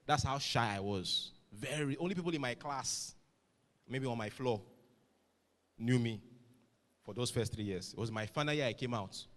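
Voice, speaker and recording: A man's voice: medium pitch, moderate pace, long pauses, in a large hall. A middle-aged man giving an emphatic motivational address to students, full of rhetorical questions. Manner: emphatic, rhetorical questions, swings loud and soft. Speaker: motivational speaker.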